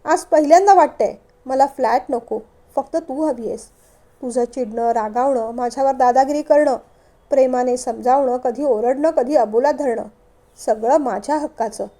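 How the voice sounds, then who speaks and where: A remorseful man, recently divorced, pleads earnestly and from the heart for another chance, read by a woman in a storybook reading. The voice sits high and mellow. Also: moderate pace.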